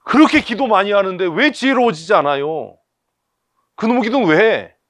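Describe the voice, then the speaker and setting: Male preacher, animated swooping delivery, blunt colloquial sermon, rhetorical questions, dry close sound. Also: high-pitched, fairly quick, no room sound. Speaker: pastor. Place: church service.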